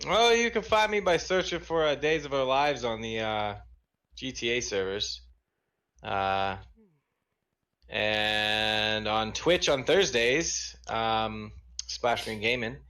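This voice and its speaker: A man's voice: medium pitch, takes it slowly, pushed and bright. A man joining a casual gaming podcast as a guest, making dry, wry remarks.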